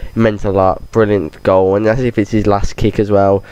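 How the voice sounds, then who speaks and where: Man, head cold, lowish voice, flat delivery, casual rambling game commentary. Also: normal speed, clear, resonant tone. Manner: rambling, chatty football-fan talk with many restarts. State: has a cold. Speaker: gaming channel host.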